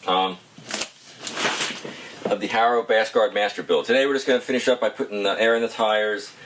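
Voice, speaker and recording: A man's voice: on the low side, fairly even intonation, normal speed, fairly bright tone, slight background noise, low-quality recording. A man casually talking his way through a bike build, rambling and muttering to himself as he tinkers. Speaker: BMX shop founder building a bike. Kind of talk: casual running commentary while working. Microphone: action camera mic.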